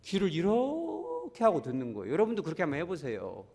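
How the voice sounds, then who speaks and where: In a church sanctuary, a pastor preaches a Sunday sermon in a fairly high, husky voice with vocal fry, speaking fast. He animatedly acts out prayers and little scenes and prompts the congregation to join in.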